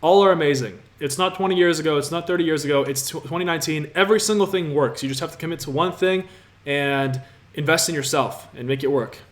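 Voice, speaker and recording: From an apartment room with a city view, a Latvian host in his twenties answers viewers' questions on a casual livestream. He's a fast talker with a voice on the high side, and he speaks straight to his audience in an upbeat, motivational manner.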